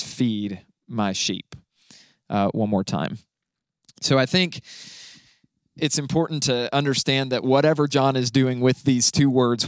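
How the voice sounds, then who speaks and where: A man, a pastor, explaining a Bible passage in a relaxed conversational way, often checking in with "right?". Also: mid-range voice, no room sound. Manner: explanatory, frequent "right?" and fillers.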